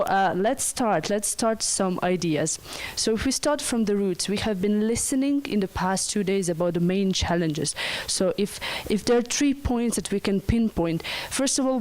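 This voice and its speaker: A young woman presents at a conference in a friendly, easygoing way. Her voice sits at a middle pitch for a woman, and light laughs slip in between points. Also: a little mellow, rough recording. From Croatia.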